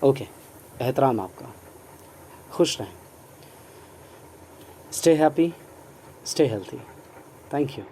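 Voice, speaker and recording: Slow, mellow-voiced teacher. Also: male voice, medium pitch, animated, a little hiss or hum. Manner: slow and drawn out, repeating words and spelling them letter by letter; mixes Hindi and English. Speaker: English teacher. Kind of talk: online grammar lesson.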